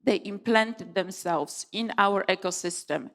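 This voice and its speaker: A middle-aged woman from Poland giving a formal opening speech at a conference, measured and emphatic with deliberate pauses. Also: medium pitch. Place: large conference hall. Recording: long hall reverb.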